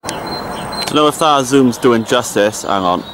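On a woodland hiking trail, a twentysomething vlogger with a South Wales accent speaks slowly but animatedly, thinking aloud in casual commentary. His mid-range voice is recorded by a handheld camera at arm's length over a noisy background with music.

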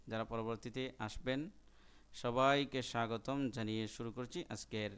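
A man's voice: medium pitch, clean tone. A young adult man teaching a live online Quran recitation lesson, asking questions and answering them himself, and stretching sounds to model how letters are said.

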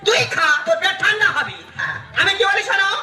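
A woman playing an exasperated village wife in a broad stage comedy, scolding in a shrill, melodramatic way. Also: expressive, a little fast, full character voice. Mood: nagging. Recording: echoey stage PA, distant, loud music.

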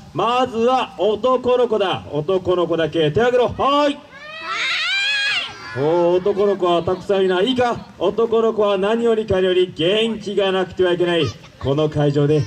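A man playing a pompous, scheming male android villain leader, commanding and theatrical as he leads a live stage show crowd in call-and-response. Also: high voice. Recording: distant PA sound with music.

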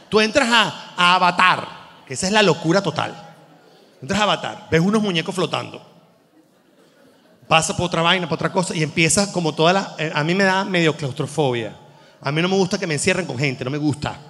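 A man's voice: high voice, a bit bright, in a large hall. A man with a Venezuelan accent doing a rambling, exasperated, crude stand-up comedy monologue. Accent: Venezuelan Spanish.

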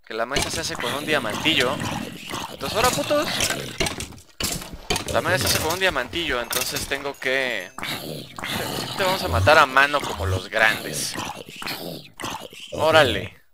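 A man's voice: mid-range voice, expressive, moderate pace, very noisy. A young man with a Mexican Spanish accent giving casual, chatty gameplay commentary, swearing and talking to himself. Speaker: gaming YouTuber.

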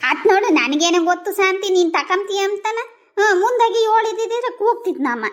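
A very high-voiced woman plays a village mother-in-law in a comedy sketch. She talks in a complaining, hard-of-hearing way. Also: expressive, a little fast. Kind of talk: rural comedy sketch dialogue.

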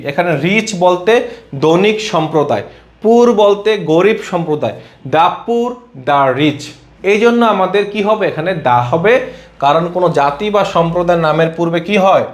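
A male tutor with a fairly high voice gives an exam-prep grammar lesson. He keeps asking questions and answering them himself, repeating each rule. The room around him is echoey. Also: animated, moderate pace. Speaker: English grammar teacher.

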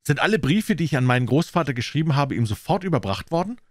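An indignant young gentleman speaks raised and urgent, accusing with stern force, as a man puts him on. He sits a little above the reader's own low voice, recorded dry and close. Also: sing-song, quick pace, no room sound.

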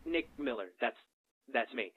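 A polite, nervous male job applicant, speaking in a halting, hesitant way. The voice is thin and boxed in, like an old phone-quality tape in a horror game. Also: mid-range voice, expressive, breathy edge, no echo.

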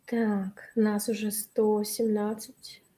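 Speaking slowly and in a monotone, a woman in her thirties runs a live webinar on a video call, picking up viewers' chat messages and answering them kindly. Her mid-range voice is warm, though allergies leave it a little hoarse, and her webcam serves as the microphone.

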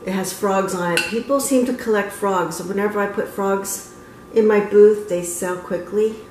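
Filmed in her living room, then in her car and an antique mall, a woman in her fifties presents her antique booth pieces in a relaxed show-and-tell vlog. Her mid-range, darkish voice moves at normal speed with plenty of ums and self-corrections, and a slight hiss or hum runs underneath.

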